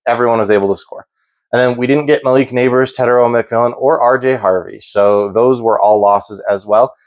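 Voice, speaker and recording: A man's voice: medium pitch, fairly even intonation, a little fast, poor audio. Casual man talking sports bets. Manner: informal, opinionated, conversational. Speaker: sports betting host. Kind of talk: casual sports betting commentary.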